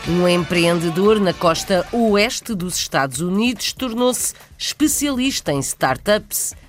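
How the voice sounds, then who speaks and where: Lively female news narrator over music. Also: fairly low pitch, measured pace. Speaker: magazine show presenter.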